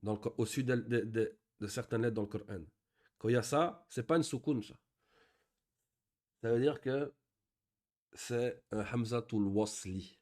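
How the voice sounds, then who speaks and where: A patient male teacher leads a beginners' class in Arabic reading. He sounds out example phrases slowly, then breaks each rule down calmly, step by step. His voice sits at an ordinary middle pitch. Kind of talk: online Arabic reading lesson.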